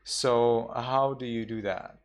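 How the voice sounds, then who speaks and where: Monk teacher, male, unhurried, mid-pitched, patient drills of each word. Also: fairly even intonation. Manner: slow, patient, repeats example words carefully. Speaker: Buddhist monk teaching a class. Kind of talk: online class instruction.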